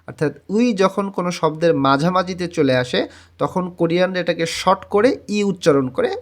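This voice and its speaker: Guy teaching words, says each one twice slow, kinda high voice. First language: Bengali. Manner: repeats each word twice, slow and drawn out. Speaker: Korean language teacher. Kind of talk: textbook vocabulary lesson.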